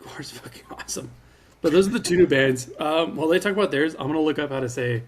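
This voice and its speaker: A man's voice: fairly high pitch, quick pace, a little hiss or hum. Laughing, rambling podcast co-host man. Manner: laughing, rambling, swears casually. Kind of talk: casual chat.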